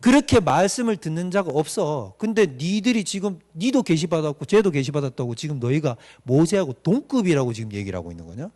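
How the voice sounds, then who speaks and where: A man acting out God as a calm, stern voice rebuking two siblings. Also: fairly quick, few pauses. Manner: calm, low and scolding.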